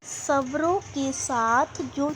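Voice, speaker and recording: Slow, patient high-voiced woman teacher. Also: fairly bright tone, slight background noise. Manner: slow and explanatory, asks questions then answers them. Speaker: school teacher. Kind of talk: classroom grammar lesson.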